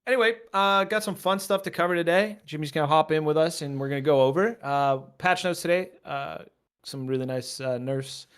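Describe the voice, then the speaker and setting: A man's voice: a little high, brisk, clean tone. A man hosting a casual podcast, upbeat and teasing. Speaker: podcast host. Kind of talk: casual chat.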